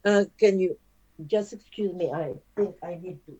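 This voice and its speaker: An older woman giving a webinar lecture with slow, deliberate phrasing and frequent pauses, her voice worn and hoarse. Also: on the low side, mellow, no room sound, dull audio. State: losing her voice, coughing. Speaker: webinar speaker on curriculum. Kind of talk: online lecture and Q&A. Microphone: video call.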